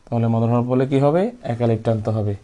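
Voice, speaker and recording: A man teaching Quran reading. He explains the pronunciation rules and then chants each word slowly for the listener to repeat. He often asks a question and answers it himself. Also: medium pitch, mellow. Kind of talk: recitation lesson.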